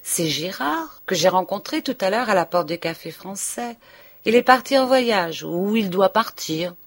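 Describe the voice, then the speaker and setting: A woman voicing a cheerful, oblivious provincial husband in an audiobook, exclaiming loudly and heartily. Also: medium pitch, sing-song, moderate pace. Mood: hearty chatter. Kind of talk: audiobook character reading.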